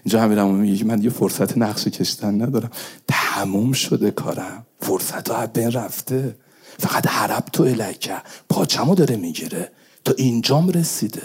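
A man delivering a religious sermon, moving between quiet, intimate pleading and raised, fervent calls. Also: lowish voice, breathy edge. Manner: swings from hushed intimate pleading to raised cries. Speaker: preacher.

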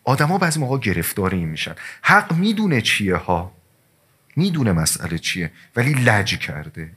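A man gives a sermon in a low voice that swings sharply up and down. His pitch leaps for emphasis, then drops back as he talks straight to his listeners. The delivery is lively and story-driven. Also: husky. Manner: animated storytelling with sudden rises and drops in pitch and loudness; addresses listeners directly as dear ones. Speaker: preacher.

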